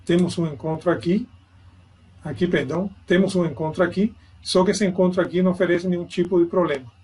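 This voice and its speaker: A man's voice: high-pitched, quick pace, dark tone, slightly rough. A man giving an online grammar lesson, explaining step by step and checking in with his students. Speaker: Spanish teacher.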